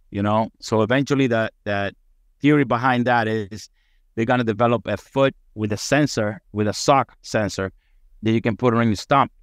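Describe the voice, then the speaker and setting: A middle-aged man tells his story on a podcast in a loose, rambling way, upbeat and swearing freely. His voice sits at an ordinary middle pitch. The sound is close and dry, with no room around it. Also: no echo. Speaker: firefighter guest.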